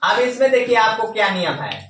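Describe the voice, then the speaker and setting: A man teaching a classroom lesson, firing quick questions at the class and waiting for them to answer back. His voice is bright and forceful. He is heard from a distance in an echoey classroom, with faint noise behind him. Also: high-pitched, big pitch swings. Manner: drills students with quick call-and-response questions.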